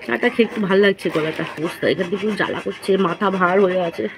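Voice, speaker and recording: A woman's voice: on the low side, racing, creaky. A woman, sick with fever and a sore throat, talking tiredly in a casual village vlog. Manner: tired, soft, complaining. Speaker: vlogger.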